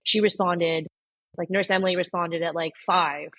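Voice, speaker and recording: A woman's voice: on the low side, steady tone, moderate pace, pushed and bright, a little hiss or hum. A woman, an oncology nurse, telling stories in a chatty way with many fillers on a podcast. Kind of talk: casual podcast chat.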